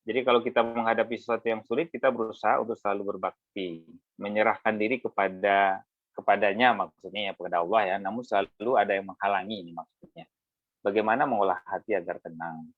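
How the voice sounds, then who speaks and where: Low-voiced man on a tinny call line. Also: steady tone, no room sound. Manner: slow and hesitant, with fillers. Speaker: moderator of the study session. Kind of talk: casual religious discussion. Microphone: video call. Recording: tinny video-call audio.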